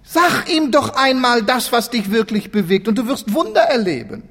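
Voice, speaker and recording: A man preaching a sermon in a church, lively and dramatic, acting out biblical figures as he tells the story. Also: extremely high pitch, moderate pace, gravelly, long reverb tail. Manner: animated, acts out biblical figures in dialogue.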